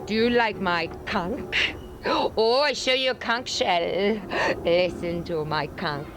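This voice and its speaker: A woman doing a slow, sultry flirt. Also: medium pitch, background noise, lightly acted. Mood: flirty. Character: flirty Caribbean woman from the Bahamas.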